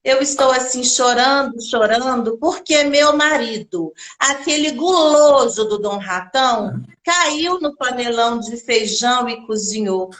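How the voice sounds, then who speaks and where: Brief: woman voicing a tearful storybook cockroach widow, lamenting, slightly high, roomy echo. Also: unhurried, few pauses, fairly bright tone. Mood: mournful. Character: grieving widowed cockroach lady. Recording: echoey room.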